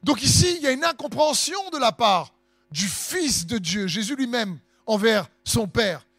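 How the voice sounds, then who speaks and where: A man's voice: extremely high pitch, lively intonation, moderate pace, a bit bright, no echo, faint music behind. A man preaching a sermon in an impassioned, sing-song way, letting his phrases swell for emphasis.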